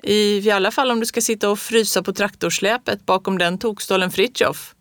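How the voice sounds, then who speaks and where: A woman's voice: medium pitch, steady tone, no echo, clean studio sound, lightly acted. A woman voicing Fritjof, a joking farmhand who teases in an offhand way. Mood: teasing. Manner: teasing, offhand. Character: teasing joking farmhand man.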